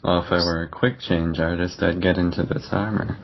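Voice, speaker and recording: A man speaking slowly and hesitantly as a tabletop game player, recorded on dull lo-fi sound with faint noise. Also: deep voice, steady tone. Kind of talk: casual tabletop play.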